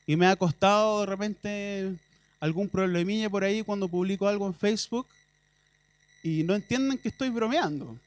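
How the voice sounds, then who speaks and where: In a church, a man with a Chilean Spanish accent preaches a sermon at a moderate pace in a high voice. His delivery is conversational, mixing ironic asides with emphatic bursts.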